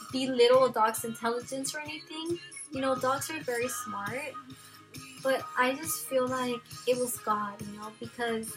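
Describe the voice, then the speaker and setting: A woman's voice: on the high side, low-quality recording. A young woman vlogger at home, telling a personal story in a casual, chatty way with lots of filler words. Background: background music.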